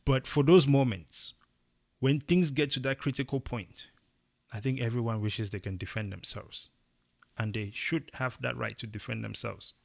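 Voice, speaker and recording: Gravelly man talking emphatically. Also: medium pitch, moderate pace. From Cameroon. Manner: emphatic, rising to animated bursts. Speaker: podcast co-host. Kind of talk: casual opinion chat.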